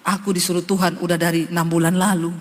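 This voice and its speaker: A woman's voice: fairly low pitch, little pitch movement, fast talker, a little hiss or hum, voice pushed down, lightly acted. A reluctant, hesitant husband, as a woman preacher quotes him. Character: her reluctant, careful husband.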